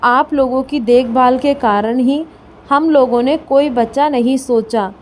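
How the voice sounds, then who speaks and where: A woman voicing a firm, composed young daughter-in-law who reasons calmly in a storybook reading. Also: high-pitched, a little slow.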